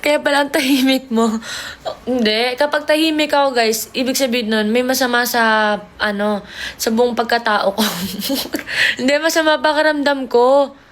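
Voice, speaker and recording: A woman's voice: sits high, steady tone, normal speed, fairly bright tone. A young woman from the Philippines chatting casually with viewers on a phone livestream, playful and giggly, mixing English into her talk. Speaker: idol group member livestreaming.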